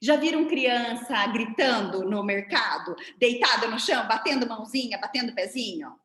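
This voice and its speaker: A woman with a Brazilian Portuguese accent teaches a seminar over a video call and walks her listeners through each point step by step. Her pitch sits a little high and swings in a lively way. Her voice rings with a noticeable room echo. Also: moderate pace. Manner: didactic, animated, demonstrating with her hands. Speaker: seminar lecturer. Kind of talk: online lecture. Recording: roomy echo.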